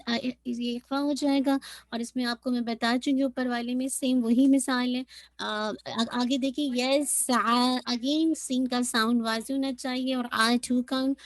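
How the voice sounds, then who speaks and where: A woman's voice: sits high, no echo. A woman teaching Quran recitation in an online lesson, patiently demonstrating sounds and often checking that her students follow. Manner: patient, demonstrates sounds slowly and repeats them; frequently checks in with the class.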